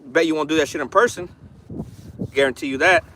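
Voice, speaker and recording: A man's voice: fairly high pitch, brisk, pushed and bright, a little hiss or hum. Blunt rambling man in his forties. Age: 40s. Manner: rambling, frank, swears freely, tough talk. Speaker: RC hobby vlogger. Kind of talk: casual livestream chat. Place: outdoors near an orchard. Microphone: phone.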